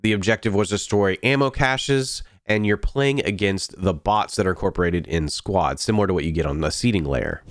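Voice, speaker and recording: A man hosting a game update video, sounding nasal from a head cold, talking in a steady, thoughtful way. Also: low-pitched, no room sound. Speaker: gaming video host. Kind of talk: scripted game update commentary.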